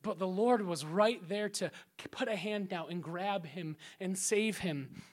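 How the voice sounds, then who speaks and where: Lively preacher man acting out scripture. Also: sits high, unhurried. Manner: lively preaching that drops to a hushed, prayerful tone in quoted prayers; acts out scripture scenes and crowd voices with playful sound effects. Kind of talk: sermon.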